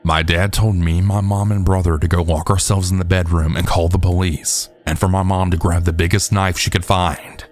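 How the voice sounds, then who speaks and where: Deep-voiced guy reading creepy stories, calm and steady, quiet music behind. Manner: steady, measured storytelling. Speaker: narrator. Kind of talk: scripted narration of scary stories. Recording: faint background music.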